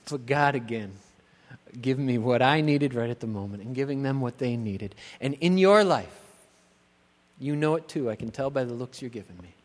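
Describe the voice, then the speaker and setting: In a church sanctuary, a middle-aged male pastor with a mid-range voice preaches a sermon slowly and emphatically, building it on repeated rhetorical questions. The recording carries the long reverb of a church hall.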